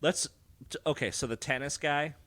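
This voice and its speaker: A podcast co-host with a slightly high voice talks about a film at normal speed. He swears often, restarts his sentences, and keeps a lively back-and-forth going.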